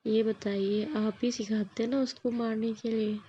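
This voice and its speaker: A woman voicing a gentle young woman who coaxes softly in a story reading. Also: a little high, level tone, normal speed, lo-fi sound, slight background noise, lightly acted. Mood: coaxing. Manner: soft coaxing.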